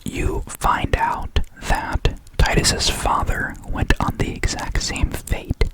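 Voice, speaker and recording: Speaking in a soft, unvoiced whisper right up against the microphone, a young adult ASMR creator rambles at a slow, unhurried pace. There's a lisp, and now and then a stutter slips in.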